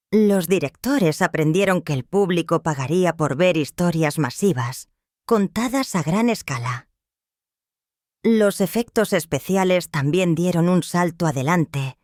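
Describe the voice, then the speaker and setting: A narrator reading a scripted documentary narration in a measured, even storytelling delivery. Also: medium pitch, no room sound, clean studio sound.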